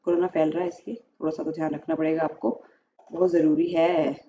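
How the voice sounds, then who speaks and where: A woman's voice: low-pitched, little pitch movement, a little fast, warm tone. A woman teacher explains exam points, reading questions aloud and repeating key terms with frequent check-ins. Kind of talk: exam prep lesson, reading and explaining one-liners. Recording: muffled, distant home recording with faint noise.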